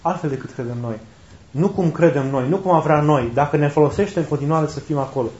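A man's voice: on the high side, dark tone, slight background noise. A man preaching a sermon in a conversational way, asking rhetorical questions and repeating his key phrases. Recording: roomy, dull lo-fi recording.

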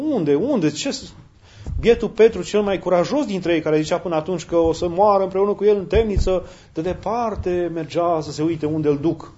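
A man's voice: a little high, a little mellow. Emphatic male preacher, slightly lo-fi. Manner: conversational, storytelling, addresses the listeners directly. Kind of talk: sermon. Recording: slightly dull lo-fi recording.

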